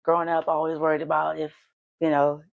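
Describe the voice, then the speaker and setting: A woman guest telling her life story in a casual, animated way, her voice jumping high when excited. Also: brisk, gravelly, narrow, tinny audio.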